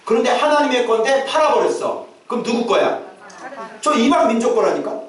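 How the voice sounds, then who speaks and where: A man preaches to his congregation and now and then bursts into acted, shouted calls. His voice sits high and swings widely in pitch. It comes from a distance through a heavily echoing church sanctuary. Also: very animated, fairly quick. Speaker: pastor. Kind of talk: sermon. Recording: echoey church hall, mic at a distance.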